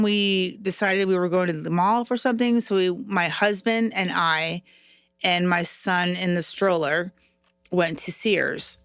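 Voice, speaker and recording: Woman telling a story with clear, smooth voice. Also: lowish voice, no room sound. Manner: animated, laughing through an embarrassing story. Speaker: podcast co-host. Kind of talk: casual storytelling chat.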